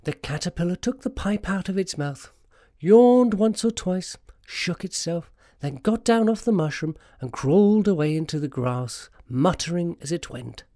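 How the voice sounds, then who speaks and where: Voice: mid-range voice, animated, moderate pace, hardly any pauses, warm tone, no echo, clean studio sound. A narrator reading a scripted story in an audio adaptation.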